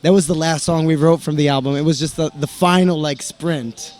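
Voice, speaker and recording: A young American man who speaks both English and Italian, a band member appearing as an interview guest, answers questions in casual talk. His voice is fairly high, steady, fairly quick and somewhat dark, and he hesitates a lot, restarting often and using fillers.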